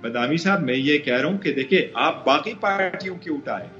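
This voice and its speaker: A man's voice: a little high, animated, fairly bright tone, roomy sound, highs cut off, soft background music. A male lawyer arguing as a guest on a live TV debate, insistent and repeating phrases as he makes his point.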